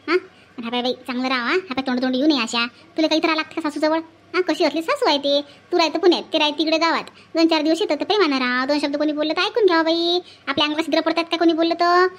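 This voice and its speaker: A woman's voice: sits high, very fast, a bit bright. A woman voicing an older village woman from who scolds and hands out repeated advice. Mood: lecturing. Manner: scolding, repetitive advice-giving. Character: older village woman, bossy, lecturing elder.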